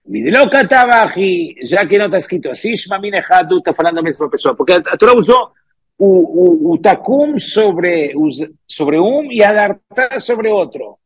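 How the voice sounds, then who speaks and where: Husky high-voiced man teaching Talmud. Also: big pitch swings, normal speed, no room sound. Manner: reads Hebrew and Aramaic phrases, then explains them with repeated "¿cierto?". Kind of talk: Talmud class explaining a text line by line.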